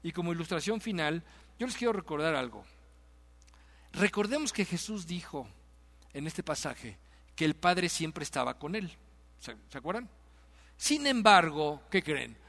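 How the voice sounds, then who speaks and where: High-pitched man preaching, emphatic, keeps repeating questions to the crowd, church hall with long reverb. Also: very animated, unhurried, pauses often, fairly bright tone. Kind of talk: sermon.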